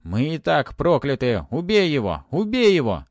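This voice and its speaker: A man voicing a chorus of bloodthirsty cursed spirits, shouting in a frenzy in a storybook reading. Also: a little high, wildly swooping pitch, normal speed, no echo, clean studio sound, pitched above the performer's own voice. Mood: frenzied shouting.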